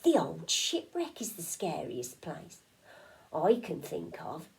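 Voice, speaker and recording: A woman voicing a timid young male fish in a storybook, high and anxious, building up to sneezes. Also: wildly swooping pitch, slow pace, creaky, a little mellow, recorded from a distance, exaggerated voice. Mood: nervous.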